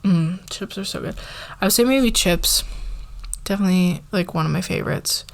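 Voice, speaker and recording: A young woman of eighteen answers viewer questions in a soft, relaxed, casual way. Her voice sits a little on the low side. She often says "like" and sometimes drops to a whisper. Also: normal speed, gravelly. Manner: soft-spoken, relaxed, many "like" fillers, drifts into whispers. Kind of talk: casual Q&A chat.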